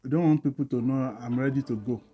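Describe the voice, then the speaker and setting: A young man with a Nigerian accent, co-hosting a food vlog in relaxed casual chat. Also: medium pitch, fast, muffled recording, faint music behind. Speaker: vlog co-host.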